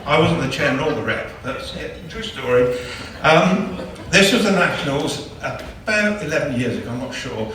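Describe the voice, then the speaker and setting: A man's voice: on the high side, animated, normal speed, few pauses, fairly bright tone, a little hiss or hum. A man, a club chairman, gives a chatty, joking after-dinner award speech. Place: large banquet hall. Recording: echoey hall, distant mic.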